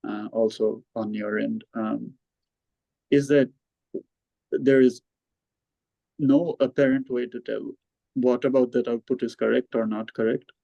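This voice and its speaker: Guy on a glitchy breaking-up video call, gravelly voice, kinda muffled line, slow halting answers. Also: medium pitch, steady tone, mellow, no echo. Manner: measured, halting with fillers. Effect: choppy, breaking-up online call audio. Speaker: PhD candidate answering questions. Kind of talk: academic Q&A answer. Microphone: remote video call.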